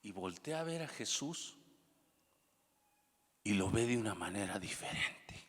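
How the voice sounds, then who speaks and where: A pastor delivers a sermon with a bright, forceful voice, dropping low and then rising into loud calls to the congregation. He adds humorous asides along the way. His voice rings out with a long reverberant tail in a large hall. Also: lively intonation, a little slow, breathy edge. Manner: dynamic preaching, swings from hushed to loud exclamation.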